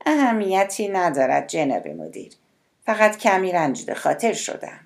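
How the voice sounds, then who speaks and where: A woman's voice: lowish voice, huge pitch swings, vocal fry, pitched above the performer's own voice, full character voice. A woman voicing a deferential female office secretary, polite and a little hurt.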